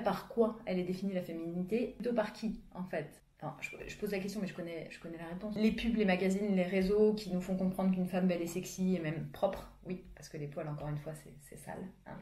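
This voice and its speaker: Young woman, vlogger, frank and chatty, lowish voice, roomy echo. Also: mellow. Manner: frank, chatty, peppered with fillers. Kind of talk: casual explanatory vlog monologue. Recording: echoey room.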